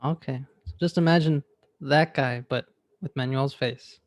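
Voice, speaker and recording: A man's voice: medium pitch, measured pace. A man hosting a casual online meeting. He introduces each speaker and makes light, teasing comments. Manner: friendly, light teasing remarks. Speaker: meeting host.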